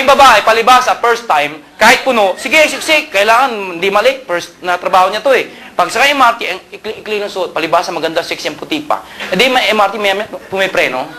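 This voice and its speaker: High-voiced man pitching to a noisy crowd. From Pangasinan, Philippines. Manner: joking, asks the crowd questions, shouts punchlines. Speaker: marketing seminar speaker. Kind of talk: live sales pitch with jokes to an audience. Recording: live event with loud crowd and noise.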